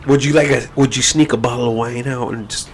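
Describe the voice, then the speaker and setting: A man's voice: medium pitch, steady tone, quick pace, slight background noise, poor audio. A man co-hosting a podcast in casual chat, crude and joking, laughing often. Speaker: podcast co-host.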